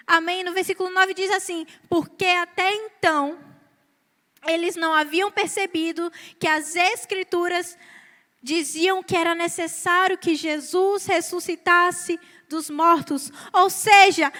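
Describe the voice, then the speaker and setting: A woman's voice: very high-pitched, bright, forceful tone. A Brazilian woman with a Brazilian Portuguese accent, preaching an earnest sermon and often addressing the congregation directly. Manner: earnest, repeats "sabe, queridos" to the congregation. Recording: hall reverb.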